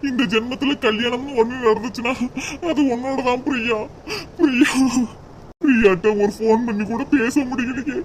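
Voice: medium pitch, steady tone, a little hiss or hum, natural voice. A performer voicing a lovesick, stubborn young man in a cartoon, sobbing and pleading. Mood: heartbroken. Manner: sobbing, drawn-out lament. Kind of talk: cartoon voice acting.

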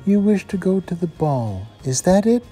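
Brief: a soft, kindly fairy godmother with a lilting, higher voice, mellow and husky, as a male teacher puts her on. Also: very animated, normal speed, faint music behind, full character voice. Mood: gentle. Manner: gentle, kindly. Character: kind gentle fairy godmother, woman. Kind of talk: storybook read-aloud.

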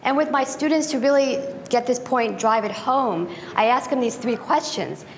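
This guest speaker from the United States is a middle-aged woman presenting a slide lecture in a conference room. Her fairly high voice moves at a normal speed, and there's slight background noise. Her delivery is casual and full of ums and restarts, picked up first by a lectern microphone and then a handheld one.

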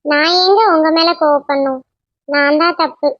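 A woman voicing a young cartoon wife who talks softly and apologetically to her husband. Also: high-pitched, fairly even intonation, moderate pace, dry recording, lo-fi sound, natural voice. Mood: apologetic. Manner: soft, apologetic.

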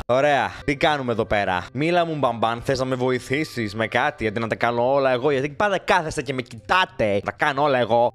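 A young man giving jokey, chatty commentary on a horror game as a gaming YouTuber, talking to the characters on screen. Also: mid-range voice.

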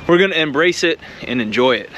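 A man's voice: fairly high pitch, lively intonation, fast talker, a bit bright, lo-fi sound, a little hiss or hum. A young man from Northeast Ohio casually vlogging with his camera, upbeat and jokey as he talks. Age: young adult. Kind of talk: casual vlog chat. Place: outdoors in a park and in a car. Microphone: handheld action camera.

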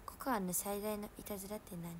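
A young woman with a Hiroshima dialect, hosting a casual livestream and chatting with viewers from home. She laughs at herself and gets loud when she acts out what people said. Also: medium pitch, steady tone, fast, slight background noise. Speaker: idol livestream host.

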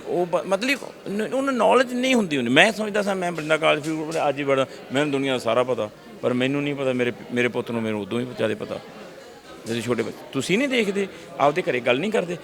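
Gravelly-voiced man telling stories. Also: on the high side, fast talker. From Punjab, India. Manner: lively storyteller, acts out voices, frequent restarts. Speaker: actor interviewee. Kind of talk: animated casual interview talk.

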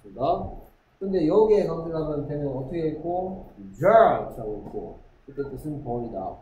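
Male teacher, warm mellow voice, slightly high pitch, lecturing a class, echoey classroom. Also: expressive, dull audio. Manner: repeats a checking question, reads English slowly. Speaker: English teacher.

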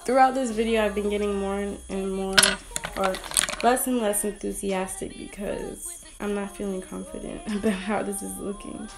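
A woman's voice: medium pitch, steady tone, moderate pace, music in the background. A young woman chatting through a makeup tutorial at home, rambling and poking fun at herself. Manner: rambling, self-mocking, giggly asides. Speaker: beauty vlogger. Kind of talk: casual makeup tutorial chat.

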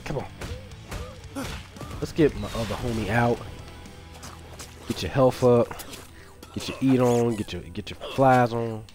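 A man streaming a video game live, reacting out loud with swearing and excited outbursts while he talks to himself and his chat. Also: medium pitch, a little slow, long pauses, soft background music. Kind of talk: live gameplay commentary.

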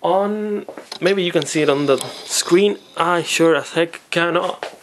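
Slow-talking, higher-voiced man, thinking aloud. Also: slight background noise. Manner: rambling, thinks aloud, easily amazed. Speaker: tech hobbyist vlogger. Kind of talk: unboxing and teardown narration.

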